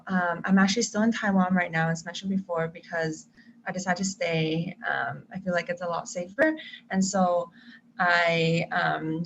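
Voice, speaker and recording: A young woman, a traveling teacher appearing as a guest, chats casually on a live-stream video call from her home in Taiwan, full of ums and restarts. Her voice is lowish, with slight background noise and dull, lo-fi video call audio.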